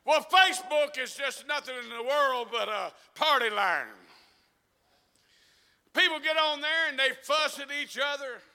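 A man's voice: very high-pitched, measured pace, pushed and bright. A male preacher, mixing folksy stories with fervent preaching. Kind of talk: sermon.

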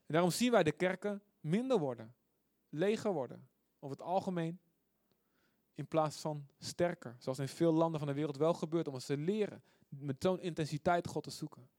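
A man preaching a sermon, reading scripture out loud with force and dropping to quiet asides, often putting questions to his listeners. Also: on the high side, moderate pace, no room sound, clean studio sound. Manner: asks the audience questions often.

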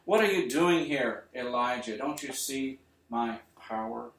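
A preacher voicing God, questioning sternly. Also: male voice, mid-range voice, measured pace, a bit bright. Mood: reproachful. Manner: reproachful rhetorical questioning. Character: God, stern yet caring almighty father. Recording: roomy sound from a distant mic.

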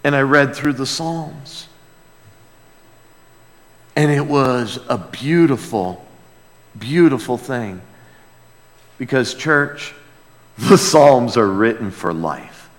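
In a large, reverberant room, a male pastor delivers a conversational sermon to his congregation, folksy in manner and full of rhetorical questions. His medium-pitched voice is animated, his pace slow with long pauses, and a long hall reverb trails his words.

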